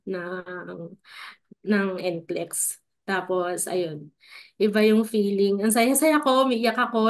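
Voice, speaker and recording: A woman from Pangasinan speaks as a nurse being interviewed, telling her story in a casual, personal way. She talks politely, using respectful particles, and fills her sentences with small filler words. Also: mid-range voice. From Pangasinan, Philippines.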